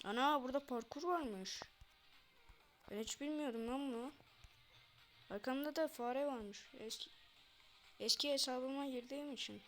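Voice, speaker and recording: A woman's voice: high voice, normal speed, long pauses. A young woman chatting casually to viewers while she plays a game, muttering to herself between lines. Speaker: gamer vlogger. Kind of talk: casual gameplay commentary.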